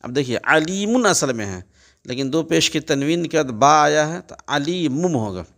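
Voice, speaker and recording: A man's voice: on the high side, animated, fairly bright tone. A man teaching Quran recitation, spelling out letters and vowel marks step by step and switching between chanted recitation and plain spoken explanation. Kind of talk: recitation lesson.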